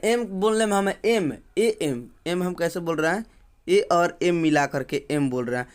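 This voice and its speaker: High-voiced man teaching letter sounds. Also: clean tone. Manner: repetitive, keeps asking the viewer questions; slow, drawn-out letter-by-letter spelling. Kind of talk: classroom-style English phonics lesson.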